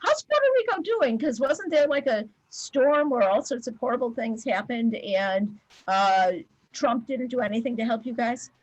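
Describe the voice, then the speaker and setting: A brisk, friendly woman teacher talks with her students over a video call. She has a fairly high voice, and the recording sounds dry and close. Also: lively intonation, no echo, muffled recording. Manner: brisk, friendly, chatty with many fillers. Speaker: math teacher. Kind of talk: casual talk with students after class.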